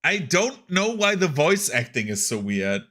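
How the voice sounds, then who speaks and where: Excitable, laughing male streamer. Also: on the high side, measured pace, slight background noise. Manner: excitable, laughs often, swears a lot. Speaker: streamer reacting to a film. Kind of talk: casual stream chat.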